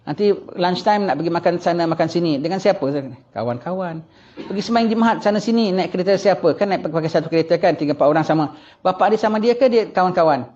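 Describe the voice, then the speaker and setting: A male religious teacher with a Singaporean Malay accent giving a lively, colloquial lecture, acting out the voices of the people he quotes. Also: sits high, fast. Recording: dull lo-fi lecture recording.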